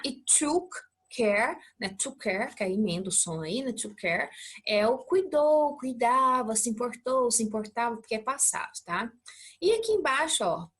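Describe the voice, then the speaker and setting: A woman teacher from Brazil explaining a lesson patiently, often checking in with her students and modeling words slowly. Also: a little high, breathy edge. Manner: models English pronunciation slowly. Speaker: English teacher. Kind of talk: recorded classroom lesson.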